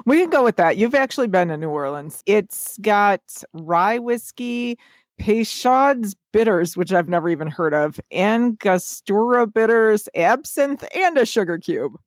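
A woman co-hosting a podcast in casual chat, chatty and quick to giggle. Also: medium pitch, lively intonation, no room sound, clean studio sound. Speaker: podcast co-host.

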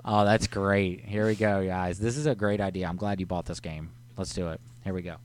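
A man's voice: low voice, fairly even intonation, fairly quick, slight background noise. A man hosting a livestream, chatting casually to his viewers. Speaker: livestream host. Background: music.

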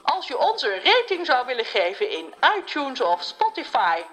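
Bright woman doing a podcast outro. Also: sits high, wildly swooping pitch, moderate pace, soft background music. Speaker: podcast host.

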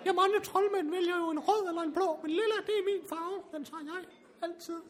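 A man's voice: very high-pitched, fairly even intonation. A man playing an eccentric, cheerfully bossy wizard with sing-song, chatty patter in a comic drama. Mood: chirpy, busy. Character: eccentric male wizard brewing purple potions, cheerfully bossy. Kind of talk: comic role-play drama.

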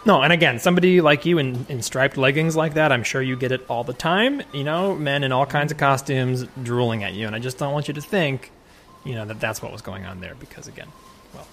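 Man doing an awkward aspiring children's actor, rambling, hesitant, gravelly, improv comedy. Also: medium pitch, a little fast, a bit bright, a little hiss or hum, natural voice. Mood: flustered. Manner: rambling, hesitant, over-explaining.

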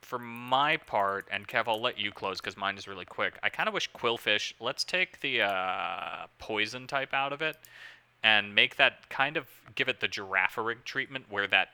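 A man's voice: on the low side, expressive, moderate pace, pushed and bright, clean tone. A man hosting a casual podcast chat, rambling along with lots of "um"s and "like"s. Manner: rambling, with many fillers. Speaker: podcast host.

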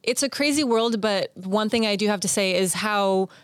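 A woman hosts a casual interview show. She talks informally and chattily at a medium pitch. The sound is dry, with no room echo. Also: moderate pace, clean tone. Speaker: talk show host.

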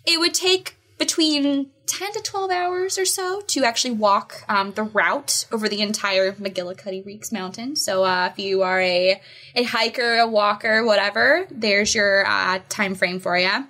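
A woman's voice: medium pitch, fairly even intonation, a little slow, pushed and bright. A woman from the United States co-hosting a podcast in casual chat, giggly and stumbling over unfamiliar place names. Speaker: podcast co-host.

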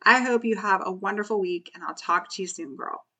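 A woman with a bright, thin and squeaky voice speaks as a solo podcast host. She coaches the listener directly, in an earnest, emphatic motivational style. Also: a little fast, a little hiss or hum.

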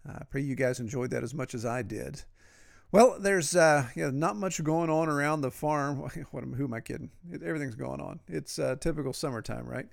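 A man with an Appalachian drawl hosts a casual podcast in a gravelly, creaky voice. His pitch sits in the middle of the male range, and he talks in a folksy, self-deprecating way. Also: a little fast. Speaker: podcast host. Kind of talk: casual, conversational podcast monologue.

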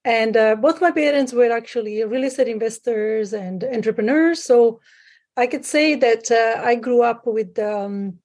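Sicilian-born woman, fairly high voice. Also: a little slow, a little mellow. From Sicily, Italy. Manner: hesitant, many fillers, restarts. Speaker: guest, private lender. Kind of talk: conversational interview. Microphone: remote call.

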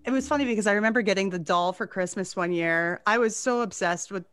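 A woman in her forties hosts a podcast interview, chatty and effusive, laughing often in casual conversation. Her medium-pitched voice is fast and fairly bright, and the recording is dry.

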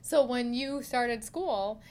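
A woman's voice: on the high side, slow, a little mellow. A middle-aged woman hosting a podcast interview, speaking in an encouraging, enthusiastic way. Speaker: podcast host. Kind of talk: casual interview.

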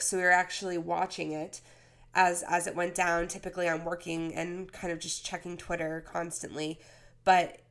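A woman's voice: mid-range voice, fairly bright tone, smooth. A woman co-hosting a podcast with casual sports talk, speaking while sick with a cold. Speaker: podcast co-host.

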